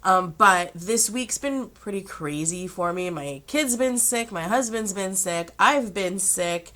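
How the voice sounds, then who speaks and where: A young woman with a sick, slightly rough voice, chatting casually to her channel with rambling asides and throat-clearing. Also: medium pitch, expressive, takes it slowly, a bit bright. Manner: chatty, rambling, self-amused. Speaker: vlogger. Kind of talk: casual chat.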